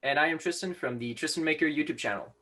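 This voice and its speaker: Speaking fast in a fairly high, bright, forceful voice, this teenage guest maker is a seventeen-year-old native French speaker from Quebec, Canada. A slight Quebec French accent colors his hesitant interview answers, which are full of fillers.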